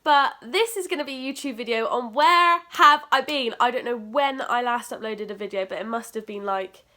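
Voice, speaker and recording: Bright, congested young woman vlogging. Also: a little high, normal speed. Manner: chatty, upbeat, jokey asides. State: congested, nasal from hay fever. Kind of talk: casual storytime chat to camera. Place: bedroom at home, indoors. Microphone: camera facing her.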